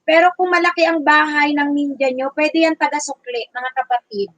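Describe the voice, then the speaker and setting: A teacher from the Bicol region hosting a casual livestream, loudly chatting and greeting viewers by name. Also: female voice, high voice, steady tone, normal speed, dry recording, rough recording. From Bicol region, Philippines.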